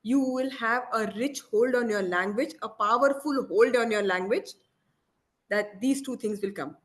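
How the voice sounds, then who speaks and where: A woman giving a motivational talk from home. She switches between English and Hindi, tells stories in an animated way and keeps checking in with her listeners by asking "okay?". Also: a little high. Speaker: guest speaker.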